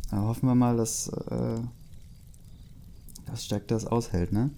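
Mellow-voiced young man reading a story aloud. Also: fairly low pitch, gravelly. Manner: reads loosely, interrupts with asides and chuckles. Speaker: story reader. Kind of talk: casual read-aloud of a fan story with comments.

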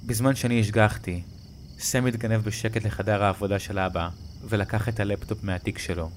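A man's voice: on the low side, a little hiss or hum. A young man telling a horror story in a casual, conversational way. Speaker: narrator. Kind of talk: scripted horror story narration. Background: faint music and crickets.

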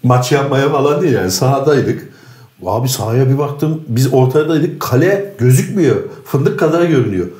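A man chatting casually, teasing his co-host in lively banter. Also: medium pitch, normal speed. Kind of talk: casual chat. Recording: roomy echo.

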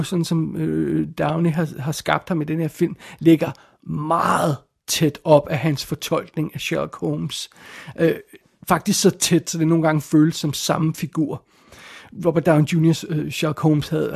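A man with a fairly high, gravelly voice talks through a film review off the cuff. His tone is husky rather than clean, and he keeps stopping to restart and repeat words as he gathers his thoughts. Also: a little mellow.

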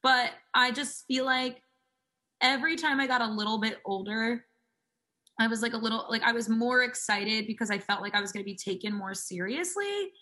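A woman's voice: a little high, moderate pace, pushed and bright. A woman in her twenties, a singer telling stories in a casual interview, chatty and full of "like" fillers. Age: 20s. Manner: chatty, fills speech with "like". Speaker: singer guest.

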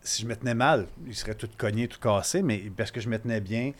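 A young man with a Quebec French accent, a podcast guest telling a story in an animated way and swearing casually. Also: fairly low pitch, quick pace.

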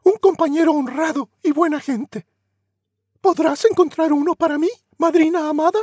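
A man voicing a spirited, blunt young woman in a raised, high voice. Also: normal speed, darkish tone, no echo, clean studio sound. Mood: pleading.

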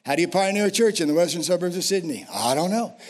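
A man's voice: sits high, animated, fast talker. A man in his sixties with an American accent preaching a sermon, emphatic and repeating phrases for effect. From United States. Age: 60s. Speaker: senior pastor, guest preacher. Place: speaking to a church congregation.

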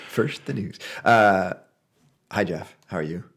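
A middle-aged man from Oregon co-hosts a podcast in relaxed, joking chat. His voice sits very low, with a gravelly, husky grain. He keeps the banter loose and easy. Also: slow pace. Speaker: podcast co-host. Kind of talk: casual chat.

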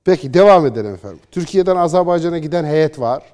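A man's voice: fairly high pitch, quick pace. Sarcastic man delivering heated commentary. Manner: sarcastic and combative, mocking opponents in put-on quotes; reads news passages aloud in a flatter tone. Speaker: political commentator. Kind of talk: opinionated solo commentary.

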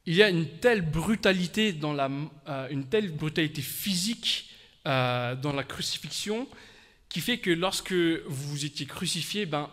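A man preaching a sermon in short, earnest phrases, pausing for an interpreter. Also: fairly high pitch, expressive, fairly bright tone, big-room sound.

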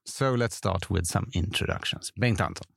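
A man hosts a conversational interview in a low, gravelly voice. He speaks as the questioner, and the recording is very dry. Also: moderate pace, no room sound. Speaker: interview host. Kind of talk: conversational hosting.

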